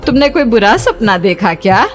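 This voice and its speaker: A woman voicing a gentle, caring mother in a cartoon story, soothing and fussing over her daughter. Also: fairly high pitch, very animated, moderate pace, faint music behind.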